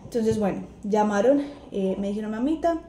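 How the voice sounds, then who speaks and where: Chatty Colombian woman, mellow voice. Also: on the high side, normal speed, a little hiss or hum. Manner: chatty, animated retelling with acted-out quotes. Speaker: vlogger. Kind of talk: casual personal storytelling. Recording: echoey room, faint ambience.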